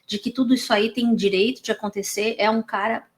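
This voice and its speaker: A woman's voice: fairly high pitch, fairly even intonation, brisk. Heated Brazilian woman reacting to a clip. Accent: Brazilian Portuguese. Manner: indignant, heated, many restarts and fillers. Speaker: reaction channel host. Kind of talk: reaction commentary on a podcast clip.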